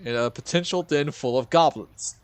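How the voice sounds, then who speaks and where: A man running a tabletop game as game master, playful and lively. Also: fairly high pitch, moderate pace.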